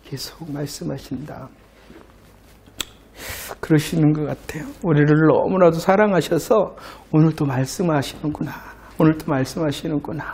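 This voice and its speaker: Male pastor, higher-pitched voice, sermon delivery built on question-and-answer and repeated phrases. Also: normal speed, darkish tone. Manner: asks rhetorical questions and answers them himself; repeats key phrases for emphasis.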